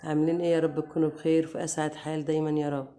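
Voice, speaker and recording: An Egyptian woman, hoarse from a cold, hosting a casual home remedy tutorial and chatting affectionately to her viewers. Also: low voice, little pitch movement, rapid-fire. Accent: Egyptian Arabic. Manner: warm, chatty, addresses viewers as dear sisters. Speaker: home cooking channel host.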